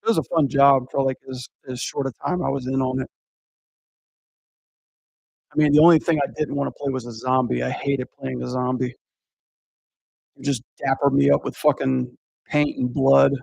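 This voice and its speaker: A man's voice: medium pitch, fairly even intonation, moderate pace, vocal fry, long pauses, darkish tone, dry recording, low-quality recording. A man talking in a loose, rambling way, swearing often and leaning on fillers like "like" and "you know.". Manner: rambling, profane, heavy use of filler words. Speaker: podcast guest recounting a haunted house job. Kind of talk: casual chat.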